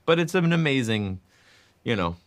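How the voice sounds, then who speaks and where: Chatting casually in an interview, a young man in his twenties, a guest musician and composer, discusses music-making in a loud, mid-range voice. He's animated, firing off quick bursts full of "like."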